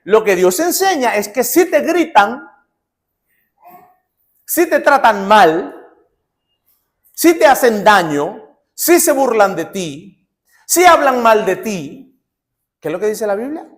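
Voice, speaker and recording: Animated high-voiced male pastor preaching. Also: slow pace, long pauses. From Nicaragua. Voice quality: lively, swings between loud emphasis and soft asides. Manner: preaching with rhetorical questions and acted-out quotes. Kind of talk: sermon.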